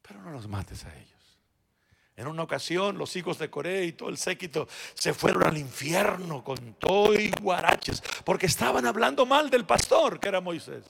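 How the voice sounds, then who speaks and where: High, gravelly, fiery preacher man. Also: expressive, moderate pace, few pauses. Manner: swings between shouted exhortation and quiet, intimate asides; addresses the congregation directly and personally. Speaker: pastor. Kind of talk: sermon. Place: church sanctuary.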